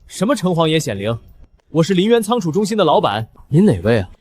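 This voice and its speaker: An actor playing a brash modern warehouse boss in a drama, bewildered but decisive, with blunt, colloquial speech. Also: male voice, a little high, very animated, quick pace, a little mellow, slight background noise. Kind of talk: scripted drama acting.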